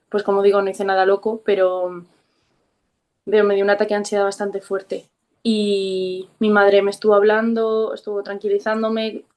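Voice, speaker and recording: A woman with a Spain Spanish accent, a guest telling her own story in an interview in a frank, reflective way with soft hesitations. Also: mid-range voice. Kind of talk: candid personal storytelling.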